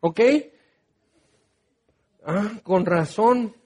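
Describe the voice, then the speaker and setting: Animated, joking preacher man with a high voice. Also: extremely slow. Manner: animated and joking, with dramatic pitch swings. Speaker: pastor. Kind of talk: sermon-style Bible study.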